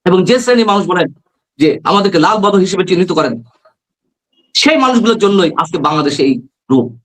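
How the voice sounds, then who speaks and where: A man's voice: sits high, animated, brisk, a bit bright, poor audio. A middle-aged man, a journalist guest on a political talk show, arguing with passion and many rhetorical questions.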